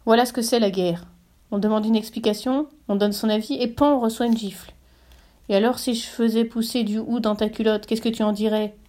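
A woman's voice: a little high, steady tone, fairly quick, warm tone, lightly acted. A woman reading a storybook voices an earnest, indignant young boy who raises his voice to be heard. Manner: pleading, straining to be heard.

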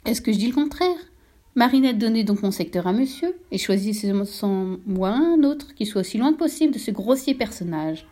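A woman doing a prim, sharp-tongued little hen. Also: fairly high pitch, animated, normal speed. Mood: curt, haughty. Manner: curt and haughty.

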